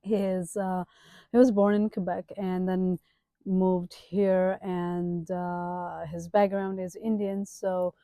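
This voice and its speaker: Speaking slowly in a fairly low, warm voice with flat delivery, a woman in her thirties from Kathmandu introduces herself to viewers in a casual vlog. She has a Nepali accent, owns a page, works as a digital entrepreneur, and adds emphatic asides. The recording is studio quality with no room sound.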